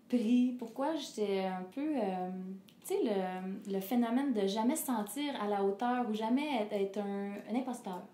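A middle-aged Québécois woman, a singer appearing as an interview guest, speaks in a warm, slightly high voice. She's earnest and reflective in this candid personal conversation, often hesitating and laughing as she goes. It's recorded indoors in a living room with a fireplace, where the room echoes and a faint hiss runs underneath.

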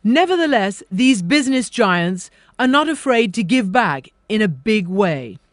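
A woman reading scripted news narration in a measured, emphatic way. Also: medium pitch, big pitch swings, no room sound.

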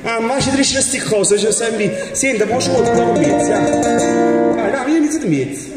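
A man's voice: very high voice, expressive, moderate pace, loud music behind the voice. A man with a Neapolitan accent hosting a live show with theatrical, teasing comic banter. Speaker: stage host. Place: large frescoed hall, live show before audience. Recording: distant phone recording in echoey hall, crowd noise.

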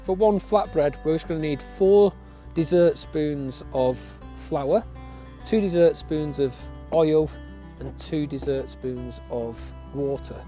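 A man's voice: on the high side, slow, dark tone, soft background music. A middle-aged man from England, walking through an outdoor cooking tutorial in a friendly, step-by-step way, recorded outdoors in woodland. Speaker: family nature educator.

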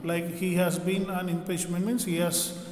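A man's voice: high voice, little pitch movement, moderate pace, a little mellow. A man teaching a grammar lesson, explaining step by step like a classroom teacher. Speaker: French teacher. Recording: echoey room with long reverb.

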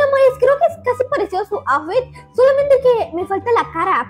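A woman giving excitable, giggly commentary over a game. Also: very high voice. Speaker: gaming YouTuber. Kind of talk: casual gameplay commentary.

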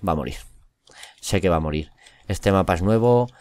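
A fairly low-voiced man from commentates his own gameplay live. He talks in an excitable rush, repeating short phrases over and over and jumping from shouts down to mutters. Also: a little fast, clear, resonant tone, no room sound. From Spain. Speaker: gaming YouTuber.

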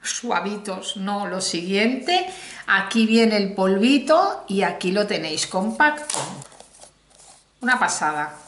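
Her voice is medium-pitched, expressive, slow and fairly bright: a middle-aged beauty vlogger from Spain with a Spanish accent, reviewing a makeup haul. She addresses viewers directly and casually, with plenty of exclamations, in an echoey room with faint noise.

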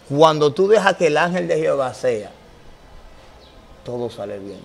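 A man's voice: mid-range voice, very animated, slow, gravelly. A middle-aged man telling a personal religious testimony in an earnest storytelling way, acting out what others said to him. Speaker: guest telling his testimony. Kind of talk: emotional spoken testimony.

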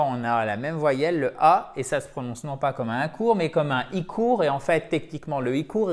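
A man with a French accent, teaching an online English lesson and explaining grammar and pronunciation step by step to his viewers. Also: on the high side. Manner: explains step by step, addresses viewers as chers amis.

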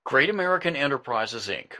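A man's voice: mid-range voice, lively intonation, a little fast, bright, forceful tone. An actor playing a flustered, exasperated salesman who stammers in a comedic short film. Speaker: equipment salesman.

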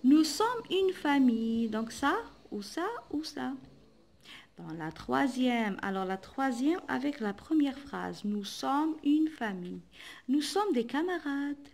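Woman teacher, slightly high voice, patient and repetitive, spells words out. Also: expressive, creaky, a little mellow. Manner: slow, patient, repeats words and spells letters aloud. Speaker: primary school teacher. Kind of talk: workbook lesson explanation.

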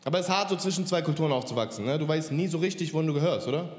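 A man's voice: a little high, rapid-fire. A man in his thirties doing stand-up on a big indoor stage with a handheld mic, teasing the crowd in a cocky way. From Germany. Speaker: stand-up comedian. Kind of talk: stand-up comedy. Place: large indoor stage with audience. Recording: roomy hall with long reverb, faint ambience.

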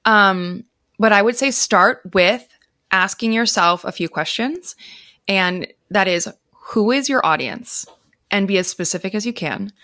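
A woman in her thirties, an author and teacher, appears as an interview guest on a video call from an indoor room, giving conversational advice in an informal, explanatory way. Her mid-range voice is lively, a little slow, pushed and bright, captured on a close microphone with dry, clean studio sound.

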